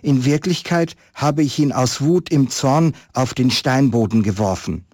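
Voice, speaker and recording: Man voicing a shy ragged boy, stammers, pitched well above his own dry low voice. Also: unhurried, a little mellow, husky, no room sound. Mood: ashamed. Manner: stammering, timid. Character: frightened ragged little boy.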